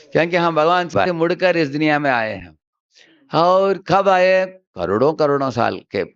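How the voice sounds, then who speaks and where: A man giving a devotional talk with storytelling as a spiritual teacher, often checking in with his listeners through quick tag questions. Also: medium pitch, gravelly. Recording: dull lo-fi recording.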